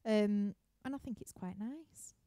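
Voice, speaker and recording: A woman's voice: mid-range voice, unhurried, mellow, no room sound, clean studio sound. A young woman with a Yorkshire accent, chatting casually at home as she reads out viewer questions on a live stream, rambling, laughing and using many fillers. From Yorkshire, England. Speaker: musician hosting a live stream Q&A. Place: living room at home.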